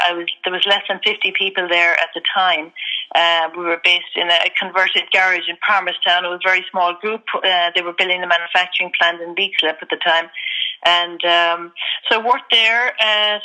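A woman in her fifties answering interview questions in a measured, thoughtful way, often pausing to gather her thoughts. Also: fairly low pitch, pushed and bright, low-quality recording. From Ireland. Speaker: guest executive.

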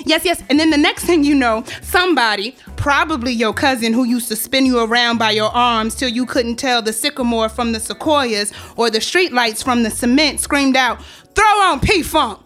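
A woman's voice: fairly high pitch, fairly bright tone. Woman playing a sly, taunting narrator. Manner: teasing, calls listener girl, sing-song swoops. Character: taunting antagonistic female narrator, sly and relentless. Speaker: stage actor. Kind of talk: theatrical poetic monologue.

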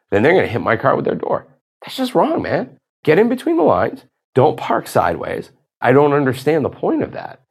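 A man's voice: mid-range voice, slightly rough. A man hosting a podcast, delivering a profane, exasperated ranting monologue. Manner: exasperated, profane, rising to outbursts. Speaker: podcast host.

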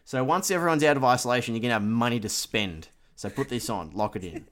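An Australian man co-hosting a podcast with loud, matey lad banter, giving jokey betting tips in an emphatic, mock-dramatic sales pitch. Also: fast. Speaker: podcast co-host presenting a betting tips segment.

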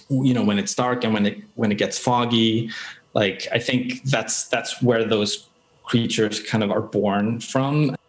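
A man, a filmmaker being interviewed, talking hesitantly with many fillers and restarts. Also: lowish voice. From Iceland. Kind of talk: casual interview.

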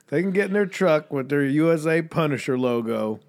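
A man co-hosting a podcast in casual chat, sarcastic and profane, full of joking banter. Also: on the high side. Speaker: podcast co-host.

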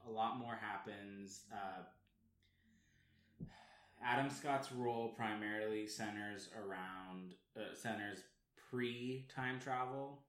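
A man's voice: on the low side, takes it slowly, fairly bright tone. A man co-hosting a casual chat, explaining at length with plenty of ums and restarts. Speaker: podcast co-host. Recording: roomy echo.

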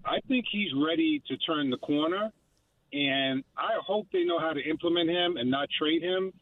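Man phoning in from his car, clipped tinny phone line, polite, clears his throat. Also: a little high, moderate pace, no room sound. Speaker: caller. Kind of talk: sports radio call-in.

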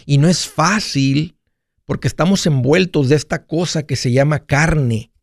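A man's voice: on the high side, unhurried, creaky, no room sound, studio quality. A man hosting a casual monologue, playful and jokey, often restarting mid-phrase. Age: 40s. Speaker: radio finance host.

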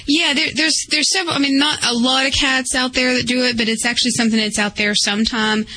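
Female on-air vet, casual call-in advice, bright and a bit husky, higher pitch. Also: fairly even intonation, fast talker, no room sound. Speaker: veterinarian giving advice on air.

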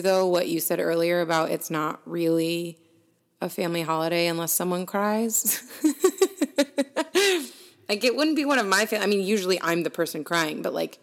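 A woman's voice: fairly low pitch, steady tone, normal speed, vocal fry. A young woman telling a story in casual chat, chatty and full of "like". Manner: chatty storytelling, heavy use of "like".

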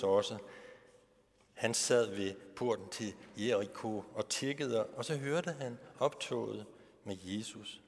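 A man's voice: on the low side, long reverb tail. A male pastor giving a sermon, posing rhetorical questions to the congregation.

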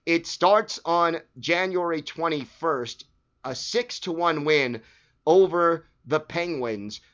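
A man's voice: fairly high pitch, slow pace, a bit bright. A man hosting a sports history show, recapping old games in a casual, conversational way, listing scores and stats with frequent fillers. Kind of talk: casual narrated game recap. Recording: dull lo-fi recording.

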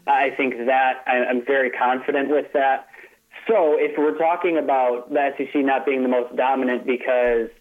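A sports writer guest calls in on a tinny phone line for casual analysis, speaking into a telephone. He's a man with a medium-pitched voice who chats easily, laughs lightly and restarts his phrases.

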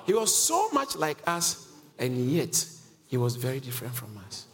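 A man's voice: medium pitch, wildly swooping pitch, moderate pace. A man preaching a sermon that teaches from scripture, emphatic and questioning, with frequent chuckles. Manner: emphatic, asks the congregation questions, chuckles often. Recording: reverberant hall with faint music.

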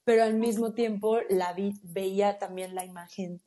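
Mellow-voiced Mexican woman telling a story. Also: medium pitch, moderate pace. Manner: animated, slangy, acts out her own quotes. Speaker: podcast guest. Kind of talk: casual storytelling chat.

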